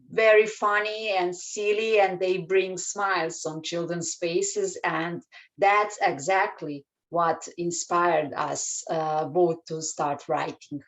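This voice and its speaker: A children's book author with a Serbian accent answers interview questions hesitantly, often pausing with filler sounds. Her voice is on the low side, and the recording is rough.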